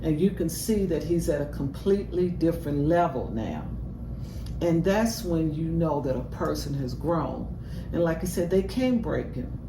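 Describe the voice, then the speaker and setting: A woman's voice: deep voice, expressive, moderate pace. An older woman giving earnest, reflective commentary and life advice in a casual reaction video. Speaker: reaction show co-host. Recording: roomy, distant mic with heavy noise.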